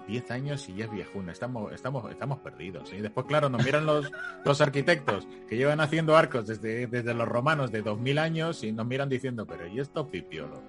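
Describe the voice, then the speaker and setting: A man, a teacher in casual tech chat, wry and anecdotal, dropping into quiet asides. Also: mid-range voice, fairly quick, soft background music. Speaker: podcast co-host, teacher.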